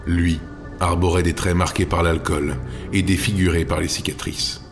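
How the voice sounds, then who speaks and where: A man narrating a fantasy audiobook in a measured storytelling manner. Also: deep voice. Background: faint music.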